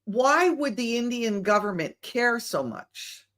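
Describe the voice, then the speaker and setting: Animated woman host, lively pitch. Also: slow pace. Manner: animated, with rhetorical questions and skeptical asides. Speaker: show host. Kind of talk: casual solo podcast monologue.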